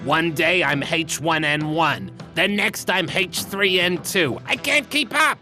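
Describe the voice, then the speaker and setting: A man's voice: on the high side, takes it slowly, pushed and bright, faint music behind, full character voice. A man voicing a sassy flu virus germ who plays the diva celebrity guest in a comedy talk-show parody, theatrical and full of whining complaints. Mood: sassy, exasperated.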